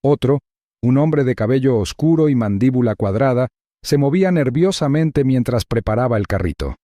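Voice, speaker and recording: A man giving measured, suspenseful scripted narration of a thriller story. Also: medium pitch, animated, dark tone, no room sound, studio quality.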